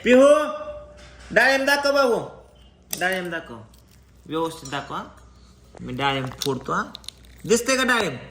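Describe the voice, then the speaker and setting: A man's voice: high voice, big pitch swings, normal speed, pauses often, pushed and bright, a little hiss or hum. A young man, a father, talking casually in a home vlog and coaxing a small child with short, repeated instructions. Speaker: father filming his children.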